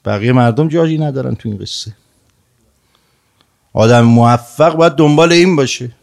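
A male preacher giving a sermon at a middle pitch, moving between forceful, raised phrases and soft, low-spoken remarks. His voice sits in an ordinary register for a man, and his delivery is earnest and persuasive. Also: gravelly. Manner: swings between raised emphatic lines and hushed low asides. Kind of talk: sermon with retold story.

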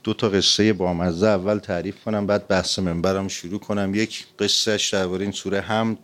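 Low-voiced man preaching a fervent sermon. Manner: fervent, repetitive emphasis, lively story retelling. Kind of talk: religious sermon with storytelling.

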